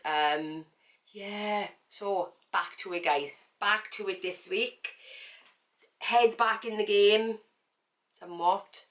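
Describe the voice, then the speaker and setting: A vlogger talks straight to camera, her voice a little croaky, pitched on the low side, yet fairly bright in tone. She chats frankly and loosely, circling back with fillers and repeated words.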